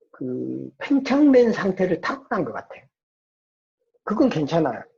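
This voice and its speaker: A man whose voice sits high and sounds a little mellow lectures informally as a psychology professor. He asks rhetorical questions and answers them on his own, on a muffled, dull lo-fi recording.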